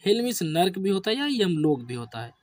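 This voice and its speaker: A man teaching English spelling to beginners, drilling words slowly with repeated questions and answers. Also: high-pitched, sing-song, darkish tone. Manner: slow, repetitive call-and-response drilling. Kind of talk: classroom lesson for beginners.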